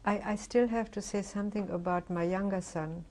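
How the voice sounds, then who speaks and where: An older woman from Germany giving a reflective, halting oral history testimony, often restarting her sentences. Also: mid-range voice, steady tone, warm tone. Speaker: interviewee. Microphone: interview recording.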